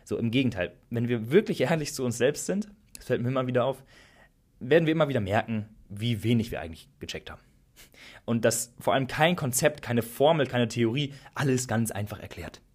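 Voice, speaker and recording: A man's voice: mid-range voice, expressive, brisk, darkish tone, breathy edge. A man hosting a podcast and thinking aloud in an earnest, casual way. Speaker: podcast host. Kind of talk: reflective podcast monologue.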